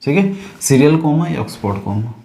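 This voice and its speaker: Guy teaching a class, says things twice and asks if you got it, mellow voice, echoey room. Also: a little high, animated, a little fast, gravelly. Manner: repeats phrases, checks understanding. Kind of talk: casual classroom explanation.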